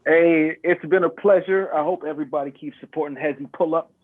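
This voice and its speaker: A man's voice: fairly high pitch, fairly even intonation, brisk. A man talking as a guest on a casual basketball podcast, laid-back and friendly. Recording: tinny phone-line audio.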